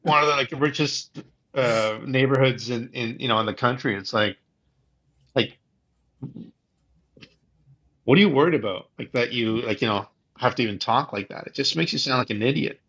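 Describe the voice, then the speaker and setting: A man co-hosting a podcast in casual chat, talking haltingly with many restarts and "like"s. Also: mid-range voice, pushed and bright. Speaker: podcast co-host. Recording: dull lo-fi sound.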